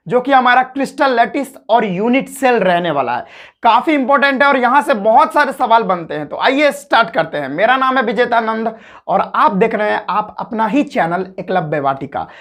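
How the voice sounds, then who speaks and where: A man's voice: extremely high pitch, fairly bright tone. A man teaching a class lesson online, chatty, repeating his points and talking straight to his students.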